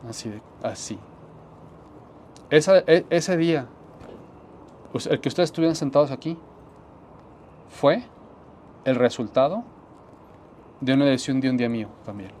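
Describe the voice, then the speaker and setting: A man's voice: medium pitch, expressive, normal speed, pauses often, slight background noise. Earnest man preaching a testimony. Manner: earnest, repetitive, drops to soft tones for emphasis. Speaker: pastor. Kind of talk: sermon testimony.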